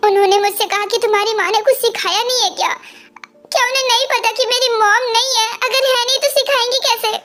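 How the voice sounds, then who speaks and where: A woman's voice: very high-pitched, fairly even intonation, quick pace, fairly bright tone. A woman dubbing a hurt, resentful young orphaned woman. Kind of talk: amateur fan dub.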